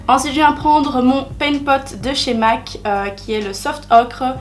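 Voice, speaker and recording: A woman's voice: high-pitched, steady tone, a little slow, soft background music. A young woman talking through a makeup tutorial in a chatty way, with many hesitations and self-deprecating asides. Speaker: beauty vlogger.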